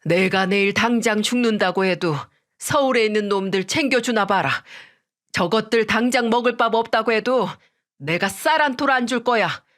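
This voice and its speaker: A woman voicing a furious older father-in-law who shouts and scolds, in a radio-style story reading. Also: on the high side, normal speed, pitched above the performer's own voice, close to an everyday voice.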